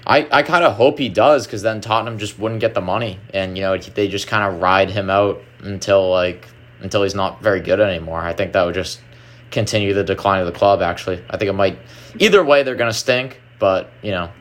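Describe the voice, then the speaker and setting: Low-voiced man in laid-back chat. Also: a little fast, a bit bright. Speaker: podcast co-host. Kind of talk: casual chat.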